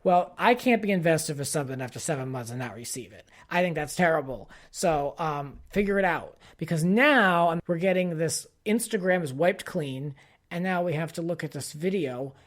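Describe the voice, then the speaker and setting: A man hosting a podcast delivers a casual, exasperated, opinionated pop-culture rant as a fan, peppering it with "like." His voice sits on the high side, expressive, at a normal speed.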